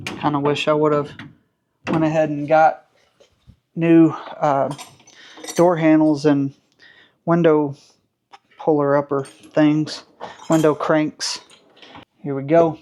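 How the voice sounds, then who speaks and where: A man's voice: on the high side, little pitch movement, slow, pauses often, a little mellow, slight background noise. A man in his thirties with a Southern accent, chatting casually and joking at himself while he works on a truck in his home garage. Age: 30s. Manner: joking, self-deprecating, talks while working. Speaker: car restoration vlogger.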